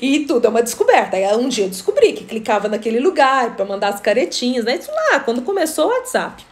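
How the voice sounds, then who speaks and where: High-voiced, chatty woman. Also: big pitch swings, fast talker. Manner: chatty, laughs often, greets viewers by name. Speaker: host of a live stream. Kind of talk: casual storytelling live stream.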